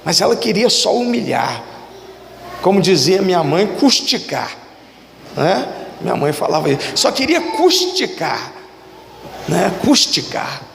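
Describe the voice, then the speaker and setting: A man's voice: big pitch swings, a little slow, creaky, pauses often, fairly bright tone, a little hiss or hum. A man preaching a sermon as pastor, emphatic and calling out to the congregation. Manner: emphatic preaching with sweeping pitch and direct calls to the congregation. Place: church sanctuary. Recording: echoey church hall with long reverb.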